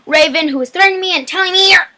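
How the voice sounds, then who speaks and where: Woman playing a high, frantic royal servant. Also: rapid-fire, sharp tone. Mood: defiant, pleading. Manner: exclamatory, indignant. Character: high-strung, put-upon male royal servant. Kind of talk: broad student stage comedy acting.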